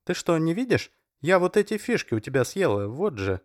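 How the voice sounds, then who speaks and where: Male narrator doing young woman, scared and pleading, high strained voice. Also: very animated, brisk, dry recording, studio quality. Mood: puzzled.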